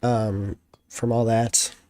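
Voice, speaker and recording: A man's voice: fairly low pitch, flat delivery, slow pace, mellow. A tired young man chatting casually as a streamer, telling a rambling story full of fillers.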